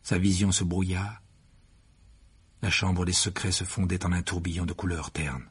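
A man's voice: sits low, steady tone, moderate pace, slightly rough. A man reading a fantasy novel aloud as narrator, telling it expressively and rising with the action. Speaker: audiobook narrator.

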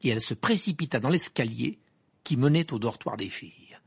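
A reader narrating an amateur audiobook in a lively way. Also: mid-range voice, fairly quick, husky. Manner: lively reading that slips into laughter.

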